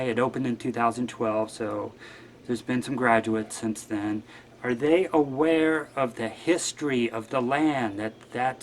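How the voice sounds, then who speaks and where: A man's voice: mid-range voice, a little hiss or hum. A man guest-hosting a show, talking in a rambling, wry and offhand way. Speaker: guest host. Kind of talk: casual monologue.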